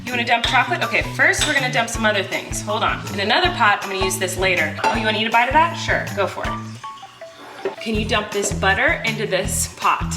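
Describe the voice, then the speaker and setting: A woman's voice: medium pitch, expressive, fairly quick. A woman talking casually and playfully, encouraging a small child in simple phrases and chatting to viewers. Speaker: mother vlogging with her toddler. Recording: roomy echo, loud background music. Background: loud music.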